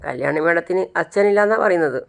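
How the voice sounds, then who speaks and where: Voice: medium pitch, lively intonation, quick pace, creaky. A narrator doing a rude office watchman who questions and belittles a visitor in a retold serial. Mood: sarcastic. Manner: blunt, sarcastic questioning.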